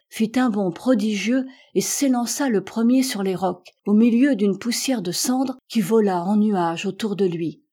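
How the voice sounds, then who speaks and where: A woman reads a literary audiobook in a measured, steady manner. Her voice is mellow and dark-toned, with a soft husky edge. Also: medium pitch. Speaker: audiobook reader.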